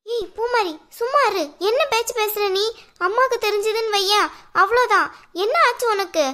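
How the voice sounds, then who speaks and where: A woman's voice: extremely high pitch, normal speed, bright, forceful tone. A woman voicing a caring, insistent young village woman in a cartoon, pressing her sister with questions. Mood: coaxing. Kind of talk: cartoon voice acting.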